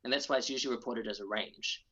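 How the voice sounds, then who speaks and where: A New man answers interview questions with care and many fillers. His voice sounds bright and sharp, but it comes through a dull, muffled video call. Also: medium pitch. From New Zealand. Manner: careful, measured explaining with many fillers. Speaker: guest geneticist.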